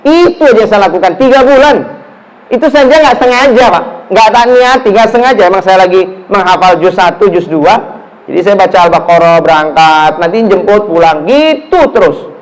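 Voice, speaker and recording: A middle-aged man from Java with a Javanese accent, giving a lively sermon in a mosque, telling stories and acting out the people in them. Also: high-pitched, normal speed, low-quality recording. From Java, Indonesia. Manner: animated storytelling, acts out dialogue, mixes in Javanese phrases. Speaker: preacher.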